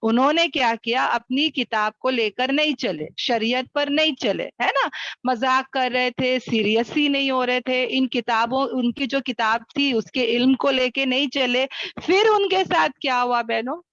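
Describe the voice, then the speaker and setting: A woman's voice: high voice, normal speed, fairly bright tone, no echo. A woman teaching a Quran class to women, speaking earnestly, repeating key words and asking rhetorical questions. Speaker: religious teacher. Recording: dull dry lo-fi recording.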